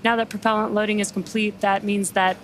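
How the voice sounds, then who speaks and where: A woman's voice: medium pitch, little pitch movement, fairly quick, a little hiss or hum. A woman hosting live launch commentary, explaining each step in an upbeat manner. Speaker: launch webcast host.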